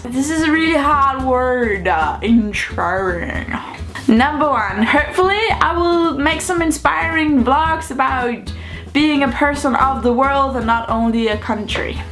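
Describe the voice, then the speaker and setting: A woman's voice: sits high, unhurried, a bit bright, faint music behind. A woman from Denmark, vlogging casually to camera in a bubbly, playful way with jokey asides. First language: Danish.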